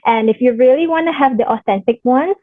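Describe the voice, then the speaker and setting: A woman in her twenties from Singapore, a guest answering interview questions politely, with small pauses. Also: high voice, no echo. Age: 20s. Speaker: guest, pageant contestant. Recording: tinny phone-like line.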